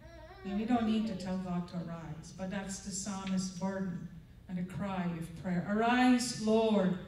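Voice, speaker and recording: A woman's voice: mid-range voice, unhurried, a little mellow, distant mic. An older woman giving a chapel devotional and prayer into a handheld microphone on a large church auditorium stage, talking in an earnest, conversational way that keeps checking in with the audience. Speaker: chapel speaker. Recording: echoey hall, mic heard from afar.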